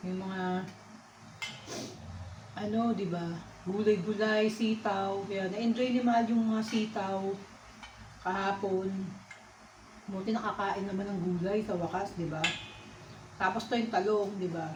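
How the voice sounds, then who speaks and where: A woman's voice: mid-range voice, fairly even intonation, a little slow, pauses often, noisy background. A woman chatting casually to her viewers while she eats, often calling out to them. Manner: talks while eating. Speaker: food vlogger. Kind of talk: casual eating vlog chat. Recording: echoey, slightly dull recording.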